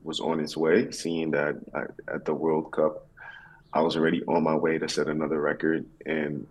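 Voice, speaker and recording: Male athlete interviewee, extremely low husky voice, reflective and halting. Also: completely flat delivery, poor audio. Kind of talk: conversational interview answers.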